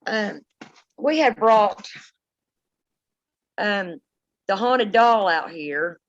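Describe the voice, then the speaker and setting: A woman's voice: mid-range voice, lively intonation, very slow. A middle-aged woman with a folksy, informal way of talking, chatting and telling stories casually as host of a paranormal live stream. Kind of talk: casual chat and storytelling to live viewers. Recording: dull, lo-fi live stream audio.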